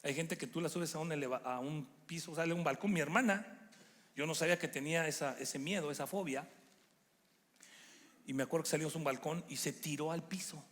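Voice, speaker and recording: A middle-aged man preaches from a church stage, his voice sitting a little high for a man. He talks with animation and slips into put-on voices for the people he quotes. The sound rings with the long reverb of a big hall. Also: fairly quick. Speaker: guest preacher. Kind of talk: sermon.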